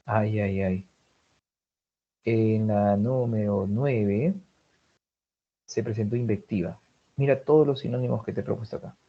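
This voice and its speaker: Low, husky Peruvian teacher. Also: male voice, fairly even intonation, normal speed, dull audio. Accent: Peruvian Spanish. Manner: drills vocabulary lists, checks in with students often. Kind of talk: online class lecture.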